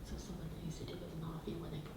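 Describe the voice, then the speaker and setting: A woman's voice: little pitch movement, fast talker, mellow. A woman investigator chatting and asking casual questions aloud inside an echoey house. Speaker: paranormal investigator. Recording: very echoey room, distant mic, rumbling noise.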